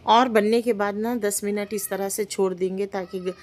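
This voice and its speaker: A Hyderabadi woman narrates her home cooking in a chatty, repetitive way, her pitch sitting in a middle range. Sizzling and frying are plainly heard in the kitchen behind her. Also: fairly even intonation, normal speed, heavy background noise. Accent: Hyderabadi Hindi-Urdu. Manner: chatty, explains each step with repeated words. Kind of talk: casual cooking voice-over.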